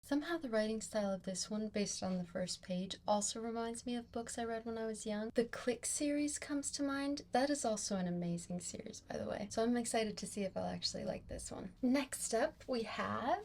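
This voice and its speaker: A woman's voice: a little high, a little fast, hardly any pauses, a little mellow. Upbeat young woman book vlogger. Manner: upbeat, giggly, playful. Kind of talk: scripted vlog talk to camera.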